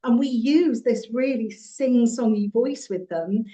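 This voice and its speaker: A woman's voice: a little high, measured pace, warm tone. A woman guest on an early years podcast, explaining in a fluent, teacherly way. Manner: fluent, explanatory, slips into a sing-song voice for examples. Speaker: guest from a children's music and movement company. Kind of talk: podcast interview.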